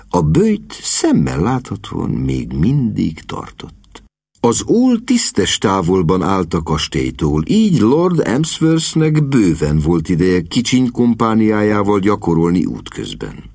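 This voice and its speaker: A man narrating an audiobook in an expressive, droll way. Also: low-pitched, gravelly, slightly rough, no room sound.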